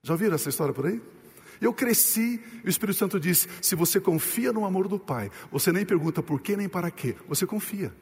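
A male pastor preaching a sermon, asking the congregation rhetorical questions and slowing down and dropping low to stress his points. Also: lively intonation, a little mellow, long reverb tail, a little hiss or hum.

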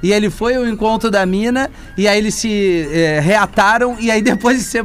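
A man's voice: high-pitched, normal speed, faint music behind. A man co-hosting a comedy radio show, bantering and protesting while retelling a listener's letter. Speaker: radio co-host.

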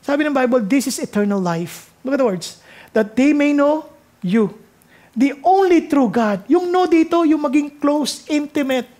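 A woman with a Filipino accent preaching a sermon, switching freely between English and Tagalog, reading scripture slowly and building to heartfelt, emotional high points. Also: lively intonation, warm tone. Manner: earnest, reads scripture slowly and rises to emotional peaks.

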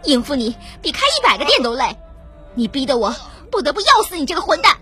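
A woman's voice: high-pitched, sing-song, brisk, fairly bright tone, faint music behind, pitched above the performer's own voice. A woman voicing a young woman in a storybook drama who coaxes sweetly and then sneers coldly at her victim. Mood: menacing. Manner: sugary at first, then sneering and cold. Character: sweet-talking young woman turned cold poisoner.

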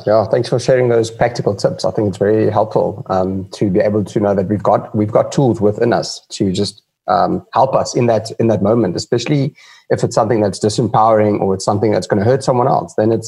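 A man's voice: on the low side, brisk, vocal fry, dark tone, breathy edge. A man hosting an interview, asking questions in an encouraging, hesitant way. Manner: encouraging, hesitant phrasing with fillers. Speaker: interviewer host. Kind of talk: conversational interview.

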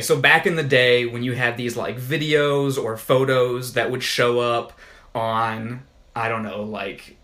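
A man co-hosting a podcast in loose, easygoing conversation. His voice sits at an ordinary middle pitch, and he wanders through his points with frequent fillers and restarts. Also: bright, forceful tone. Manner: rambling, full of "like" fillers and restarts. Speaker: podcast co-host. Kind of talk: casual chat.

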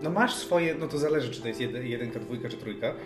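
A man's voice: medium pitch, expressive, fast talker. A man co-hosting a casual chat podcast, teasing, sarcastic and swearing often. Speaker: podcast co-host. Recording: echoey room with music underneath.

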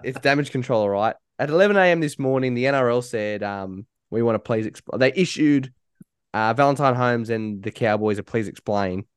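A man with an Australian accent hosts a casual sports talk show. His pitch is average for a man. The sound is dry, without room echo. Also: brisk, smooth. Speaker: podcast host. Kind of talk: casual rugby league podcast chat.

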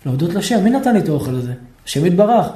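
A man, a rabbi, teaching a lively Torah lesson, questioning his listeners and acting out shouting people. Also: sits high, echoey room. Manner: animated, asks the audience questions, acts out shouting people.

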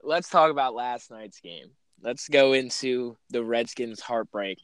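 Man, average pitch, from Philadelphia, casual sports podcast co-host, very dry recording. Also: measured pace, a bit bright, dry recording.

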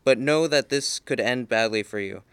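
A man's voice: medium pitch, normal speed, fairly bright tone, clear, resonant tone, dry recording, lightly acted. A man voicing a stern practical young mother.

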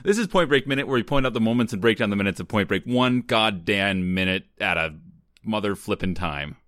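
A man co-hosting a podcast in casual comedic chat, excitable and playful, swearing for emphasis. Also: on the low side, fairly quick, dry recording, clean studio sound. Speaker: podcast co-host.

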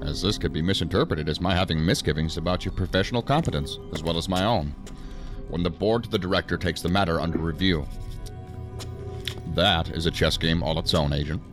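A man acts a senior assistant director in a sci-fi radio drama. His voice sits very low, and he speaks with measured, wry authority. Clear music plays underneath. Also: close to an everyday voice. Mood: measured, firm. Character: male senior assistant director of a federal agency, dry, authoritative. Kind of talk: science fiction audio drama acting.

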